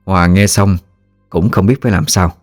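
A man narrating a ghost story audiobook in a steady storytelling manner. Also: low voice, moderate pace, faint music behind.

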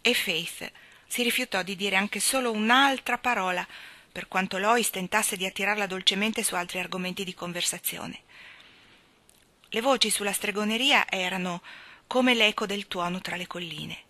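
Audiobook narrator, woman, bright clear tone, dry close recording, measured storytelling. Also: mid-range voice, no echo. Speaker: audiobook reader. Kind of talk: scripted narration.

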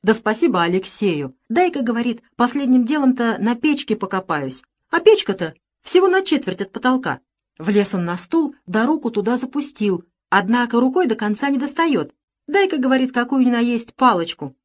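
A woman voicing an excited, breathless male servant who tells his news in a folksy gabble. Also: fairly high pitch, moderate pace, voice pushed up.

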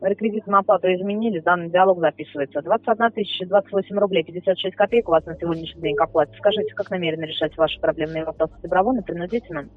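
A woman's voice: fairly low pitch, racing, few pauses, faint music behind. A woman debt collector on the phone, rattling off a scripted, officious speech. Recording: tinny phone line.

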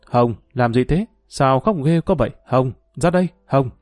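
A man voicing a brash, quick-tempered young woman who scolds and pleads with a friend. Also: medium pitch, animated, darkish tone, no room sound, studio quality, soft background music, close to an everyday voice. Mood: worried.

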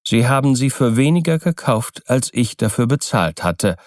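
A man's voice: medium pitch, animated, a little mellow, no echo, clean studio sound, close to an everyday voice. A man voicing a sly, persuasive older seller in an audiobook reading. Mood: dismissive. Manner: smooth, persuasive, measured explaining. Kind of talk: audiobook character voice.

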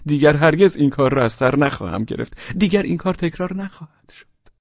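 Male narrator doing a nervous, fawning middle-aged drinker, high and husky, dull lo-fi audiobook sound. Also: expressive, no room sound. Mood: effusive. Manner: pleading, stammering and high-strung. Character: fawning, anxious, tipsy middle-aged man. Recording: dull lo-fi recording.

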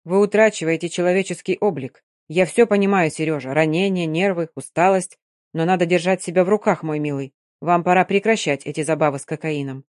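A woman voicing a calm, fatherly middle-aged colonel who speaks quietly and in a measured way, in an audiobook. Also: on the high side, no echo, clean studio sound, natural voice. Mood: stern. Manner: quiet, half-voiced, measured.

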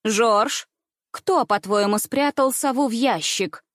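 A woman voicing a cold, stern aristocratic aunt who speaks in an icy, measured way, in a dry recording. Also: on the high side, dry recording.

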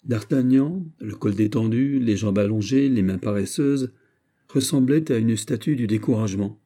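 A man with a French accent narrating a classic novel as an audiobook, measured and literary. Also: medium pitch, warm tone. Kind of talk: scripted narration.

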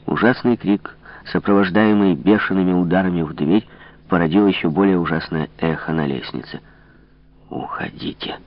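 A man narrating an audiobook in a measured, dramatic reading. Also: deep voice. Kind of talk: scripted narration. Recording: dull lo-fi recording.

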